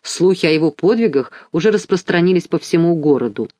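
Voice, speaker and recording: A measured reader telling a children's story chapter by chapter, in an evenly paced narration. The recording is dry and close, with a mid-range voice. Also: medium pitch, animated, mellow, no echo. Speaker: audiobook reader. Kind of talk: scripted audiobook narration.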